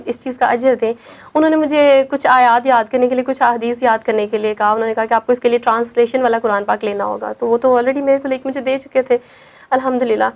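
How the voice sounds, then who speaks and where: A high-voiced young woman tells her personal story as a guest on an interview show. She speaks earnestly and leans on her points with emphasis. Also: a little mellow.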